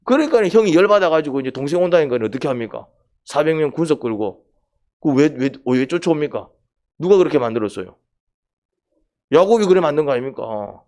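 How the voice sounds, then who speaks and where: A man's voice: fairly high pitch, expressive, brisk, a little mellow. A middle-aged man, preaching a casual, conversational sermon and often asking the congregation questions. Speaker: pastor. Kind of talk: sermon at a Wednesday prayer meeting.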